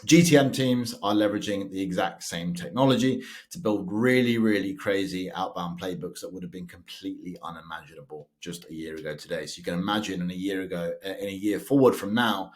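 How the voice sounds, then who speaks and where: Speaking in a low register, a young British sales automation consultant walks the camera through his method. He keeps it casual, often using filler words and correcting himself mid-thought.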